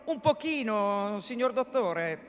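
A woman's voice: fairly high pitch, expressive. A woman voicing a humble, anxious young peasant man in a theatrical reading of a novel, speaking deferentially. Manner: deferential, halting. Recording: echoey hall.

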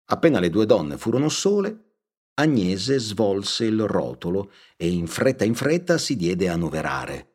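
Husky, low-voiced man reading a novel. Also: sing-song, measured pace, a little mellow. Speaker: narrator. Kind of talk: audiobook reading.

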